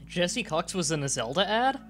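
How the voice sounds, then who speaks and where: A man with a fairly high voice streams live, congested and nasal with a strip across his nose. He talks casually to his viewers in halting stretches, short of breath, with music playing along. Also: sing-song, a bit bright. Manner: halting, with pauses to breathe and throat clearing. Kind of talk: casual livestream chat to viewers.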